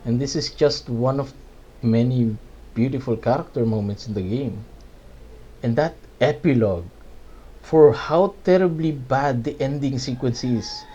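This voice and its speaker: A man talking through a game review at an unhurried pace, his voice soft and mellow. He drops in dry, sarcastic asides. The recording is dull and lo-fi, with a faint hiss behind him. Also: mid-range voice. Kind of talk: video essay commentary.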